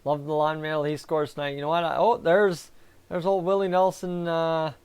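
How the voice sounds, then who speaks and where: A man's voice: on the high side, level tone, normal speed, darkish tone, smooth. A man hosting a live hockey fan reaction stream, chatting casually and answering viewers while talking with a sore, raw tongue. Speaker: fan livestream host.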